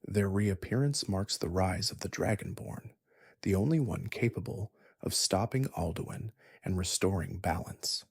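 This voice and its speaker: A man narrating a bedtime story in a soft, gentle, soothing, breathy spa-like whisper, slow and unhurried. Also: low voice, no room sound, clean studio sound. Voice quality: breathy, husky, partly whispered.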